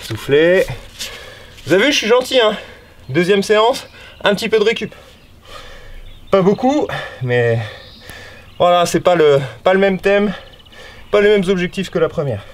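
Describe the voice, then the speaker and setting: A man's voice: high voice, lively intonation, unhurried, long pauses. A male fitness coach leading a home workout, upbeat and chatty, counting reps aloud between casual asides. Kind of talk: guided home workout instruction.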